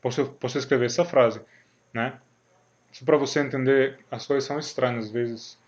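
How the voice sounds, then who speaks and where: Italian male lecturer, mid pitch, halting delivery with lots of fillers, dull lo-fi recording. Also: steady tone. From Italy. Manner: hesitant, many fillers and restarts, checks in with "né? certo?". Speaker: university math lecturer.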